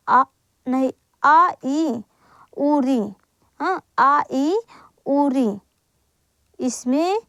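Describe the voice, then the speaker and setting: Woman teacher, high voice, slow and repetitive, asks and answers herself, dry close sound. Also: a little mellow, no echo. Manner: slow, repeats each point and asks then answers her own questions; corrects herself aloud with quick apologies. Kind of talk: exam-prep Hindi grammar lesson.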